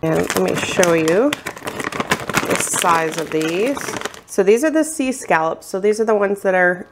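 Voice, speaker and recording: An older woman chats casually in her home kitchen, narrating each cooking step for her vlog as a cook-along. Her voice is lowish and animated, her pace slow, and the background is noisy.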